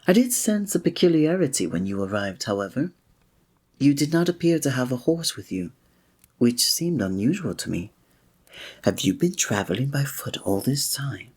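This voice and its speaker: In a one-sided roleplay audio drama, a guy voices a gentle, flirty male innkeeper in a village, breathy and highly expressive in pitch, at a normal speed. He sounds concerned and curious, speaking in formal, olde-worlde diction, attentive, courteous and tender.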